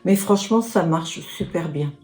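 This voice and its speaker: In her sixties, this beauty vlogger talks her way through a makeup tutorial and product review, full of chatty asides and fillers such as "hein" and "voilà." Her voice is lowish and a little mellow, at a moderate pace.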